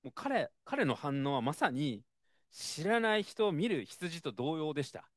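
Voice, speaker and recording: A man preaches a sermon in a chatty, expressive manner, sprinkling in fillers. His pitch swings widely and sits a bit high. The recording is dry and close. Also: measured pace, dry recording. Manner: conversational, expressive, frequent fillers.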